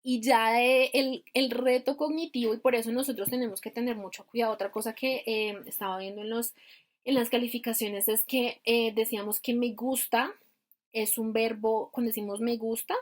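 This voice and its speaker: Higher-voiced woman explaining grammar. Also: steady tone, normal speed. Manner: explanatory, asks rhetorical questions. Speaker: grammar instructor. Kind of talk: teaching over video call. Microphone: video call.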